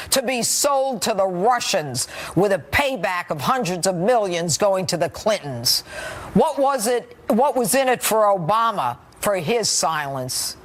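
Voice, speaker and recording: A middle-aged woman hosting a TV news show, delivering an emphatic, combative opinion monologue and questioning a guest. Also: mid-range voice. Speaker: TV host.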